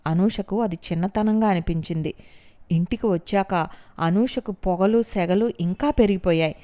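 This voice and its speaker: A woman narrating a novel in an audiobook, steady and measured. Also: mid-range voice.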